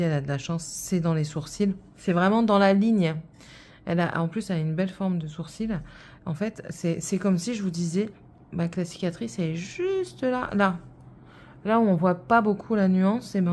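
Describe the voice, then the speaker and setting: A woman's voice: on the low side, darkish tone. A woman in her thirties chatting casually while stitching, telling a rambling story full of fillers. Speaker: vlogger.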